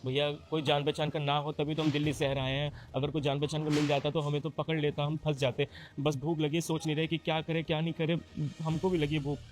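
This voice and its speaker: A man's voice: on the high side, little pitch movement, fast talker, few pauses, noisy background, lightly acted. A man playing a poor young husband from a village who pleads humbly and speaks in a rustic way, in a scripted short drama. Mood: pleading.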